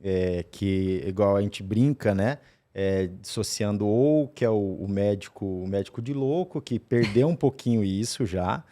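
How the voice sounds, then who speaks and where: A man hosting a podcast asks casual interview questions hesitantly, filling them with many fillers. His lowish voice is mellow and a little slow.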